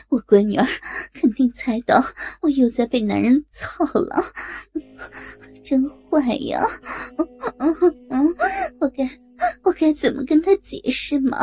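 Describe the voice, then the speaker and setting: A woman's voice: high voice, warm tone. A woman voicing a shameless middle-aged mother in an adult audio story, stammering and moaning with a tearful quaver. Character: aging mother, shameless and wheedling.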